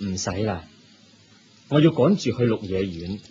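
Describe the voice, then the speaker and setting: A man with a Hong Kong Cantonese accent acting a gentle, calm Buddha in a radio drama, speaking as an unhurried storyteller. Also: lowish voice, natural voice. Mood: kindly, serene. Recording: dull lo-fi radio recording, faint noise.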